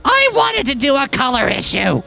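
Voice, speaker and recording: A woman's voice: high-pitched, huge pitch swings, moderate pace, vocal fry, sharp tone, faint music behind, exaggerated voice. A woman voicing an anxious, sweary, sarcastic young heroine while reading a video game aloud. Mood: sarcastic, wary.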